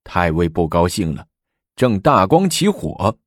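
A man telling a historical tale in a lively, dramatic traditional storytelling manner. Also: sits low, unhurried, dry recording, studio quality.

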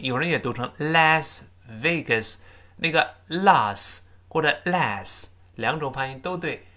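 Animated male English teacher drilling pronunciation. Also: mid-range voice. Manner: drills pronunciation, repeating English phrases loudly and slowly; switches between explaining and reading aloud. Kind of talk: spoken English lesson.

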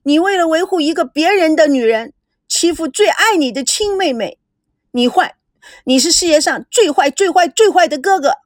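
A woman doing a shrill, spoiled young brat. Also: sing-song, unhurried, dry recording, studio quality, exaggerated voice. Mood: wailing. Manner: whiny, shrill tantrums. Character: spoiled bratty young woman, clingy and loud. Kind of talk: storybook voice acting.

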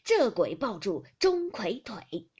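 A woman's voice: mid-range voice, sing-song, takes it slowly, darkish tone, husky, full character voice. A woman reading a jovial elderly noble grandmother. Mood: playful. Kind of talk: audiobook character reading.

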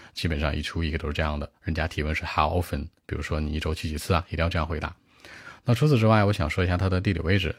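A Chinese man teaching English, switching between Mandarin and English as he unpacks words and phrases. His voice sits very low and deep. The sound is dry and close, with no room echo. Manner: explains vocabulary at length with asides and rhetorical checks. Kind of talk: IELTS speaking lesson, mixing Chinese and English.

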